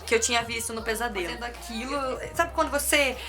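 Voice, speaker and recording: A woman's voice: a little high, quick pace, pushed and bright, soft background music. A woman earnestly telling a personal story as a vlogger, often asking her listener if they follow. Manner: earnest, emotional, often asks "sabe?".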